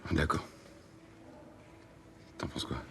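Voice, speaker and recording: An actor playing a seasoned, stubborn police investigator in a TV crime drama, terse and understated with a deep, gravelly voice. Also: male voice, takes it slowly, sharp tone. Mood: guarded. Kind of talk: naturalistic TV crime drama acting. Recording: TV soundtrack with music underneath.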